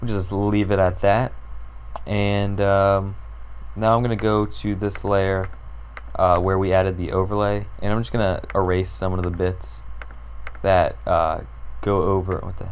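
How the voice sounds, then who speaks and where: A tutorial creator, a young man whose deep, low voice is hoarse from a sore throat, walks through a computer design lesson at an unhurried pace and in a level tone. He clicks along while rambling and thinking aloud, dropping lots of ums and uhs. Faint hiss runs beneath the recording.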